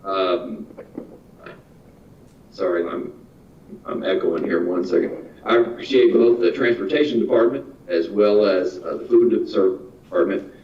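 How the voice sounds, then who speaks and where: A man reporting to a school board over a video call, his voice echoing on the line, speaking haltingly with frequent restarts. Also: low voice. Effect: echo on the video call line. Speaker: school district staff member reporting to a board. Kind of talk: online board meeting report. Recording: echoey, distant, dull video call audio.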